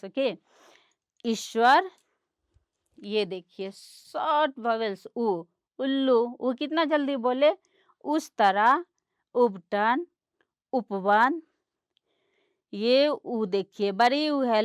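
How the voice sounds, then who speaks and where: A woman teaching young children, explaining slowly and patiently and mixing words into her lessons. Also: a little high, clear, resonant tone, dry recording. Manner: slow, patient, explaining and pointing things out; mixes English words into Hindi explanations.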